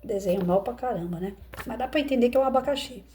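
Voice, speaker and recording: Brazilian woman teacher, warm low-key tone, chatty and explanatory. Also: fast, slight background noise. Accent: Brazilian Portuguese. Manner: conversational, explains with rhetorical questions. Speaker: educator. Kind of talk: reflective commentary on a parable.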